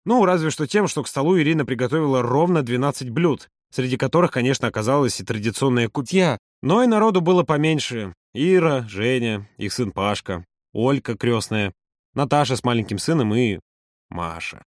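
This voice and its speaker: Expressive male audiobook narrator. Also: medium pitch, fairly quick, dry recording, studio quality.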